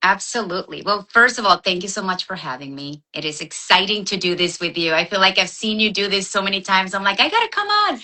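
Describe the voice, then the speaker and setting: Bright-voiced woman from the Dominican Republic. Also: mid-range voice, fast, hardly any pauses, rough recording. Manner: chatty, animated storytelling with quoted asides. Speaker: guest entrepreneur. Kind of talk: casual interview chat.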